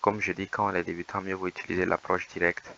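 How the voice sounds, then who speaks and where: A man with a low, creaky, fairly monotone voice gives patient voice-over advice as a dating coach. His tone is bright and edgy despite the depth, and the recording sounds a little dull and lo-fi. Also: a little hiss or hum. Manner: measured, reassuring, explanatory. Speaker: dating coach commenting on footage. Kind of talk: calm voice-over commentary.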